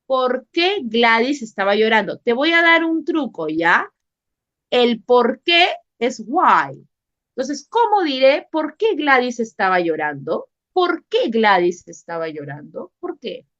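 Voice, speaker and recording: A woman's voice: on the high side, big pitch swings, measured pace, hardly any pauses, a bit bright. A woman English teacher, running an online class, patiently repeating questions and calling on students by name. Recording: dull lo-fi online class audio.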